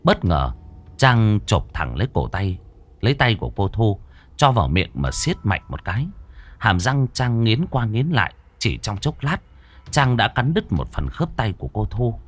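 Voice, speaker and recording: A man narrating a horror story in a dramatic, expressive storytelling manner. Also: lowish voice, moderate pace.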